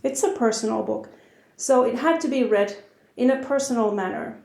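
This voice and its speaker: A woman with a Finnish accent hosts a podcast from her house, introducing the episode and chatting with a guest, with a roomy echo on the recording. Her fairly high voice is creaky and a little mellow, at a moderate pace.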